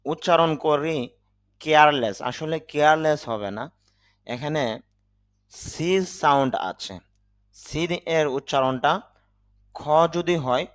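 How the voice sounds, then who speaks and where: Guy doing an english vocab lesson, slow and careful, spells out each sound, dry close mic. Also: on the high side, dry recording. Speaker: English teacher.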